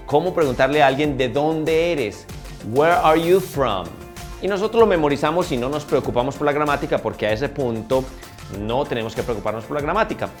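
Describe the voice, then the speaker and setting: A man gives a casual English lesson in a slightly high voice. He talks fast and lively, then draws each English example out slowly and clearly. Soft music plays faintly under him. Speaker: English teacher.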